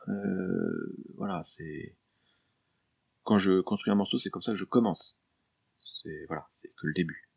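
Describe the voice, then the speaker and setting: At home during lockdown, a French composer walks viewers through his work in a casual screen-share tutorial vlog, his low voice carrying a gravelly edge. He's chatty and explanatory, full of fillers and self-corrections, speaking informally and joking lightly. The recording is close and dry, with no room sound.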